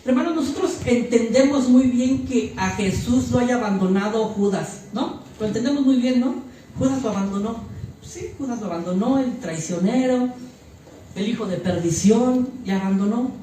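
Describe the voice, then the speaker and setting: A man's voice: extremely high pitch, mellow. A man preaching a fervent sermon as pastor, repeating phrases for emphasis and addressing the congregation. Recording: echoey church hall, mic far off.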